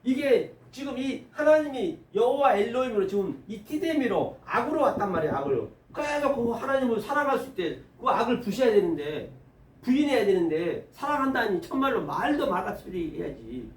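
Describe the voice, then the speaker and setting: A man preaching a sermon lecture, animated and colloquial, acting out Bible dialogue in rough everyday speech. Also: very high-pitched, brisk, roomy sound, distant mic.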